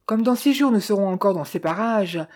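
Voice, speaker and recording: A woman's voice: medium pitch, animated, a little fast, a little mellow, close to an everyday voice. A woman reading the lines of a cold, unctuously polite male secretary in an audiobook.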